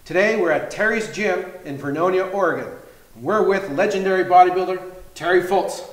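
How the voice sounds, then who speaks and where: A man's voice: sits high, a little fast. A man hosting an instructional video in an indoor gym, upbeat and prompting his guest with questions. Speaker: host. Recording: echoey gym room.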